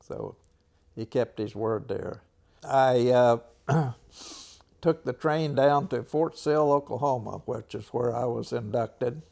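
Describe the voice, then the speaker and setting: An American veteran in his nineties recalls the war in an interview, speaking haltingly and clearing his throat often. His voice is mid-range and a little mellow.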